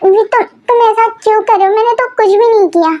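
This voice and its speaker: A woman's voice: extremely high pitch, brisk, warm tone, highs cut off, pitched above the performer's own voice. A woman voicing a tearful pleading girlfriend. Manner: pleading, stammering. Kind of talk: voiced Hindi fan-fiction audio story.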